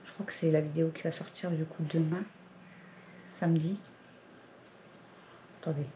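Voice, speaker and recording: A woman's voice: sits low, fairly even intonation, moderate pace, dark tone, a little hiss or hum. A woman chatting casually to her vlog viewers at home, rambling and laughing often. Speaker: family vlogger. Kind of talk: casual vlog chat to camera.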